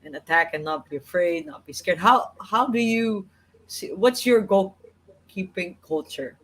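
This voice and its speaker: A man's voice: high voice, lively intonation, measured pace, fairly bright tone, rough recording. A man co-hosting a casual interview, stumbling and repeating words as he asks questions. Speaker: podcast co-host.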